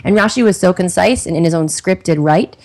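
A woman's voice: lowish voice, brisk, darkish tone. A middle-aged woman hosting a podcast interview, chatting casually and rambling with many fillers and restarts. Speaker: podcast host.

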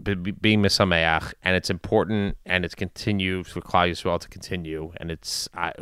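A man giving informal news and community commentary in a measured, deliberate way with long pauses. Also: low voice, a bit bright, clean tone, no room sound, studio quality. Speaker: commentator addressing his community.

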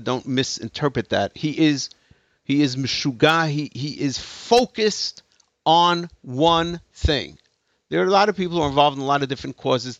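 A man's voice: mid-range voice, no room sound, highs cut off. A man giving a lecture to an audience, telling a story emphatically with hesitant restarts. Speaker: speaker giving a talk.

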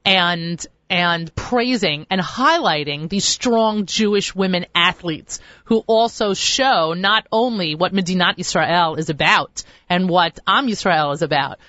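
A woman's voice: medium pitch, a bit bright, no echo, highs cut off. A woman hosting a talk show interview, effusive and full of enthusiastic interjections.

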